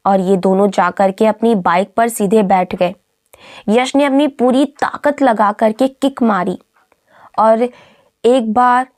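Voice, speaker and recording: A woman tells a scripted horror story at an extremely slow pace. She leaves long dramatic pauses between phrases to build suspense. Her voice sits in an ordinary middle pitch. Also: a little mellow.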